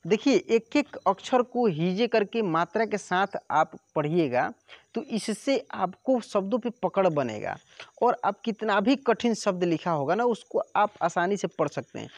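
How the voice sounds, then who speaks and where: A man's voice: high voice, no room sound. A man teaching Hindi spelling, patiently sounding out each word syllable by syllable. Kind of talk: spelling lesson on a video channel.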